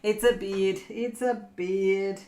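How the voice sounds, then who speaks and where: Woman, Australian accent, relaxed unhurried livestream chat, giggly, lots of ums, roomy echo. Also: medium pitch. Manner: giggly, rambling, many fillers. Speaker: crafting channel host. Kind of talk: casual livestream chat with viewers.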